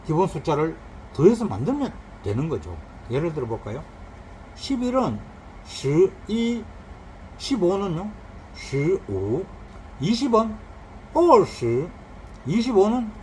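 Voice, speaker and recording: A man's voice: sits high, a little hiss or hum, rough recording. A man teaching a recorded Chinese grammar lesson, explaining patiently and drawing out spoken examples. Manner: lively explaining, drawn-out examples.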